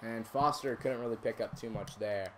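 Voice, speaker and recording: A man streaming a football video game, calling plays and chatting with viewers, bursting into shouted calls on big moments. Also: on the low side, normal speed, slight background noise. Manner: chats with viewers between plays. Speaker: gaming streamer. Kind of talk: play-by-play game commentary.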